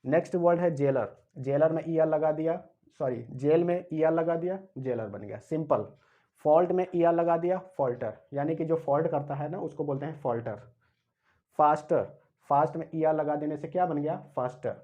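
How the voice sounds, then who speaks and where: Tinny audio carries a slightly high, narrow male voice giving a classroom-style English grammar lesson. He works through it step by step, spelling and repeating words slowly while asking himself questions and then answering them.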